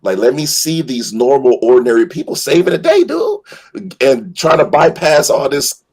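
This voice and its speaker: On a live show, a fan panelist talks through his ideas with casual passion, rambling in colloquial language and stressing his points. His medium-pitched voice is sing-song, a little mellow and husky, and moves at a moderate pace.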